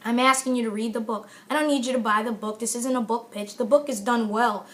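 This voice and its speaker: A woman's voice: on the high side, fairly even intonation, fairly quick. A middle-aged woman giving an impassioned motivational address to camera, emphatic and repeating phrases for stress. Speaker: author giving a talk to camera.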